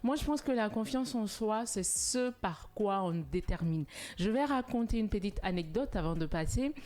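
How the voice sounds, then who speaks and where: A woman co-hosting a studio talk show, speaking in an earnest, motivational way and growing animated when telling anecdotes. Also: medium pitch, moderate pace. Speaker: TV show co-host.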